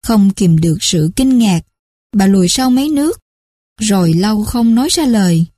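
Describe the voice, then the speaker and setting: A woman narrating a story in a steady, measured reading. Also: medium pitch, no room sound, studio quality.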